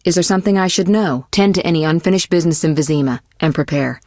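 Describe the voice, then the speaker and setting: In scripted video game voice acting, a woman plays a poised young sorceress, speaking in measured, articulate phrases with a composed, gently chiding mood. Her low-leaning voice is recorded dry and close with no room sound, lightly acted, and she comes across as worldly and caring with a teasing, possessive edge.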